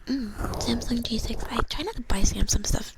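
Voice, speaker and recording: Whispering young woman, gravelly and soft. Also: fairly high pitch, moderate pace. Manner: soft whispering, chatty, giggly. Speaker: ASMR streamer. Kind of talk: whispered ASMR chat with viewers. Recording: noisy whispered mic recording.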